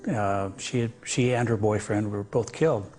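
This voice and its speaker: An older man giving a reflective television interview, measured and hesitant, with frequent pauses and fillers. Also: lowish voice, darkish tone, faint music behind. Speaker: interview guest.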